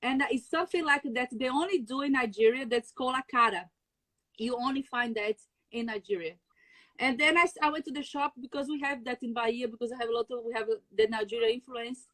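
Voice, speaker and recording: A Brazilian woman with a Brazilian Portuguese accent chats casually over a video call as a guest chef, laughing a lot and groping for words. Her voice is on the high side, fairly quick and fairly bright, with no echo but poor audio quality.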